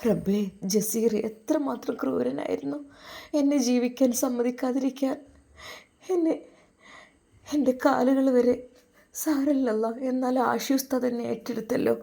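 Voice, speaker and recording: Brief: woman playing a devoted young wife in a story reading, hoarse and pleading, warm low brightness. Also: measured pace, pauses often. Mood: relieved. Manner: earnest, pleading.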